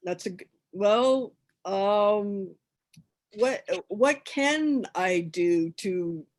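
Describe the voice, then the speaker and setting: A woman volunteer giving a casual personal account, halting and repeating herself as she searches for words. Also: mid-range voice, animated. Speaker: hospice volunteer seeking advice.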